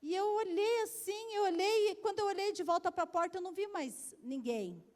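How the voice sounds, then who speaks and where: A woman's voice: very high-pitched, animated, moderate pace, darkish tone. A Brazilian woman pastor preaching a sermon in church, telling stories with emphatic repetition.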